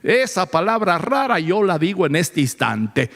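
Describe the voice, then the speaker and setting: A male pastor preaches in a high voice, his pitch swooping widely as he builds to fervent shouts. He keeps calling out to the congregation. The sound rings with the long reverb of a church sanctuary. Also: sing-song, measured pace. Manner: fervent, dramatic retelling with rising shouts; addresses the congregation directly. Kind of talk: sermon testimony.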